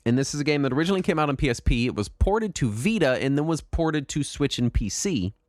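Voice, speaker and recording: A man hosting a podcast in casual, jokey, self-deprecating chat, his throat raspy from a cold. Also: on the high side, lively intonation, fast talker, no echo. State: sick with a mild throat cold and cough. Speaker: podcast host.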